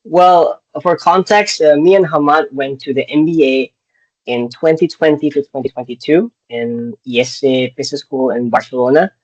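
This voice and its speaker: Over dull, lo-fi video call audio, a podcast host from Indonesia conducts a casual interview, hesitating often and filling gaps with filler words. His voice is fairly high in pitch and darkish in tone, and he talks at a moderate pace.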